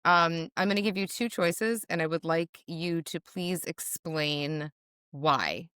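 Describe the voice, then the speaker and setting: Middle-aged female podcast host, very low voice, blunt and lively, dry close mic. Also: slow pace, clear, resonant tone, no room sound. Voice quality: low voice often taken for a man's on the phone. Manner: blunt, animated, swears for emphasis. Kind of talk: casual chat.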